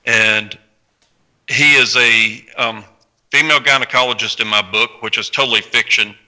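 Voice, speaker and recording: An American man from Tennessee casually introducing his work as a panel guest, with halting phrasing. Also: medium pitch, fairly even intonation, pushed and bright. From Tennessee, United States. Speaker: novelist, podcast panel guest. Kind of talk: casual spoken book introduction.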